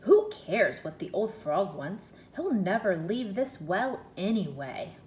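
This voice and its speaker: A woman playing a spoiled, loud princess. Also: mid-range voice, sing-song, slow, roomy sound, a little hiss or hum. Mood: scornful. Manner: whiny, demanding. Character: spoiled young princess, wailing and snappish. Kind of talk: storybook read-aloud.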